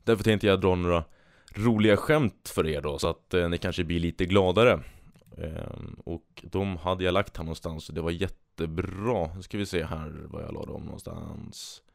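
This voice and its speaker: A man's voice: sits low, gravelly, no echo, clean studio sound. A man hosting a solo podcast, chatting casually and reading out jokes with a rambling, self-amused manner. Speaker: podcast host.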